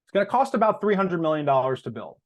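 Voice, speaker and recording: Speaking like an executive before investors, the man has a voice pitched slightly high with highly expressive intonation. He walks through his points deliberately, leaning into the key terms.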